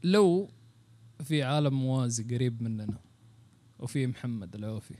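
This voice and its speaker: A Saudi man chats casually and muses aloud in Arabic, sprinkling English words and phrases throughout. His voice is medium-pitched, warm and expressive, and he talks at a normal speed.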